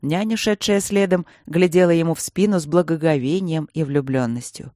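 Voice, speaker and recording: Steady audiobook narrator. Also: medium pitch, moderate pace, no room sound, studio quality. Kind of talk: scripted narration.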